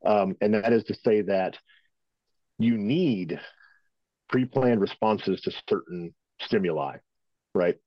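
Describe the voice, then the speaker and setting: A man's voice: fairly low pitch, slow pace, long pauses, no echo, highs cut off. A man being interviewed as a firearms instructor, answering at length in a casual, rambling way with many fillers. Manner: rambling, filler-heavy, conversational. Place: at home.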